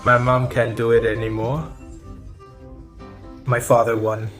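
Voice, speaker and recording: A man's voice: mid-range voice, level tone, a little slow. A man vlogging casually, commenting on food and family for his viewers. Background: music, clinking dishes.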